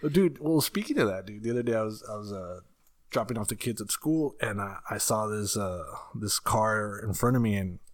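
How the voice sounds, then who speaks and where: A man's voice: on the low side, animated, normal speed, no echo, clean studio sound. A man in casual chat, laid-back and swearing freely, calling his friend dude.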